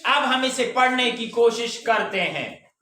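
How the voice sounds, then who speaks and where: Male classroom teacher, deliberate syllable-by-syllable delivery, heavy room echo, distant mic. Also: very high-pitched, expressive, pushed and bright. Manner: stretches words out slowly syllable by syllable, quizzes the class. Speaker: English teacher. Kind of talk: classroom pronunciation lesson. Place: echoey classroom with students. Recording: very echoey room, voice from far off.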